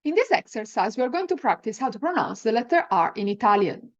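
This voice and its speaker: A woman giving an encouraging language lesson on rolling the R, sounding out example words deliberately as a teacher. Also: fairly high pitch, sing-song, highs cut off. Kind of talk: pronunciation lesson with slow, repeat-after-me example words.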